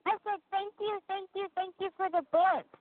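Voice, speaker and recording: A woman calling on a prison phone line, chatting casually and softly with a friend. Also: very high voice, steady tone, normal speed, no room sound. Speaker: caller.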